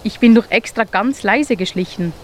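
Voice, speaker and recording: A woman's voice: mid-range voice, moderate pace, a little hiss or hum, lightly acted. A woman voicing an anxious little male mole who searches desperately for his friend and stammers when startled. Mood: anxious, eager.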